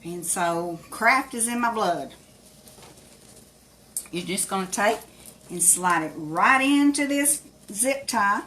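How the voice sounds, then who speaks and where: A woman's voice: medium pitch, animated, slow pace, long pauses, bright, forceful tone, a little hiss or hum. A woman from Tennessee with an Appalachian accent, chatting in a folksy way as she hosts a casual live craft demonstration. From Tennessee, United States. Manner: folksy, chatty, thanks viewers by name. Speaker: craft tutorial livestream host.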